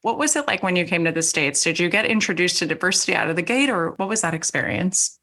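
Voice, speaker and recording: A podcast host, born in Switzerland and raised abroad, introduces her guest and asks questions with upbeat enthusiasm. Her voice is on the low side but bright, expressive and forceful, and she talks fast.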